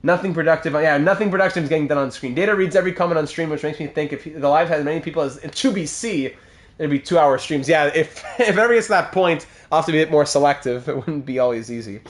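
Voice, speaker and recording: A male gaming streamer with a fairly high voice talks fast while playing a hockey franchise mode. Chatty throughout, he reads chat aloud and calls plays excitedly in his live-stream commentary.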